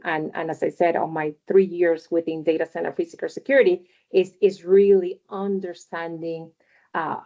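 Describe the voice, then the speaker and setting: A middle-aged Venezuelan woman speaks as a panelist on a webinar, giving a conversational career talk over a video call. Her voice is lowish, the audio sounds dull, and she leans on lots of fillers and "right?" tags.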